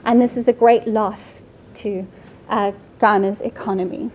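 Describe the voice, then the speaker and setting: A woman's voice: mid-range voice, fairly even intonation, unhurried, darkish tone, a little hiss or hum. A woman from Sweden, around her thirties, giving a seminar talk about slides in a conversational way, often checking in with the audience by asking "right?". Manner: conversational, frequent tag "right?". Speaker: seminar speaker. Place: lecture room.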